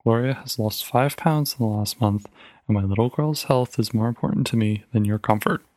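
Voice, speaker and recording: A man's voice: medium pitch, moderate pace, a little mellow, no echo, lightly acted. A man voicing a stern, determined mother, reading her lines firmly and insistently in a storybook reading. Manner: firm, clipped and insistent.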